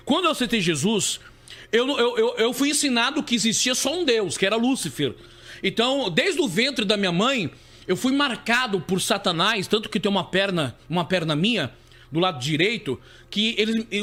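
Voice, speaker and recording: This man, a bishop, preaches a live testimony in a Brazilian Portuguese accent, his voice sitting high and sounding pushed and bright. He's repetitive, keeps starting sentences over, and calls the listeners "beloved."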